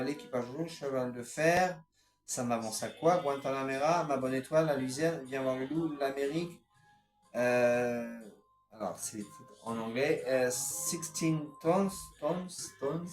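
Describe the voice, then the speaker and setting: A man talks through his record collection in a loose, unscripted way, stopping and restarting as he reads out song titles one after another. His voice sits at an ordinary pitch. The room sounds echoey, and soft music plays in the background. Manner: hesitant, many fillers, lists titles. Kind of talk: casual unscripted collection vlog.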